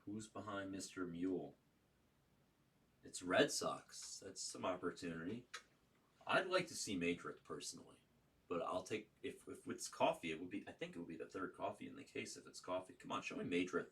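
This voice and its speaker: A man with a low voice hosts a card break in a casual, running commentary style. He calls out names and numbers in short bursts. He sounds some distance from the mic, with faint noise behind him. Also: normal speed, a bit bright. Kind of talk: casual running commentary while opening trading cards.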